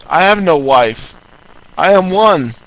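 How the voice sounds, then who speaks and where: Male chat room caller: high-pitched, slow, rambling, grandiose delivery. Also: animated, fairly bright tone, rough recording.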